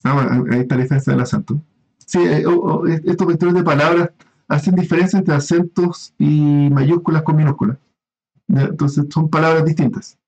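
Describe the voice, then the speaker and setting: Lecturer, slightly high voice, dull audio. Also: male voice, steady tone, a little fast, darkish tone, husky. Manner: explanatory, many fillers and restarts, checks in with "¿ya?". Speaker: university lecturer. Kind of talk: recorded online class lecture.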